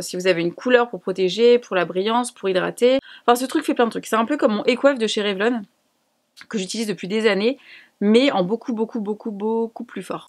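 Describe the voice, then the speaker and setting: A woman from France chatting casually in a beauty haul video, enthusiastic and fond of repeating words for emphasis. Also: mid-range voice. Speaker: beauty vlogger.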